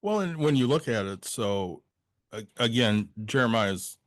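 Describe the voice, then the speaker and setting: A man's voice: medium pitch, expressive, a little slow, no echo, studio quality. A man in his forties co-hosting a casual podcast, blunt and jokey, swearing freely. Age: 40s. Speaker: podcast co-host.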